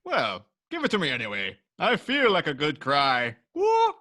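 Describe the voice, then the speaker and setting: A gleeful comic-book villain, acted out by a man at a table read. His high, sharp voice swoops wildly up and down, playful and singsong, with menace under the jokes. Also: huge pitch swings, normal speed, full character voice. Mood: mock tearful. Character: gleeful, menacing male Joker disguised as comic policeman.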